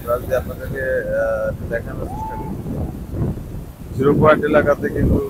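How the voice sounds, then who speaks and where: A man with a Bangladeshi accent gives live on-location commentary as a reporter, speaking in halting, repetitive short bursts outdoors on a beach. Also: medium pitch, huge pitch swings. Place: outdoors on a windy sea beach. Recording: very loud wind and waves on mic. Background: wind, surf noise.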